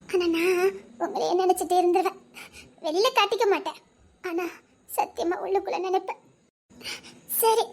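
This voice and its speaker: A woman voicing a grieving young widow in a cartoon, talking wistfully through tears and small laughs. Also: very high voice. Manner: wistful, tearful, half-laughing. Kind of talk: cartoon voice acting.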